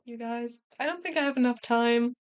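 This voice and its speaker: A woman's voice: on the high side, normal speed, clear, resonant tone. A woman playing a visual novel, reading the text aloud and adding casual, joking commentary. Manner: casual, joking, swears and laughs at herself.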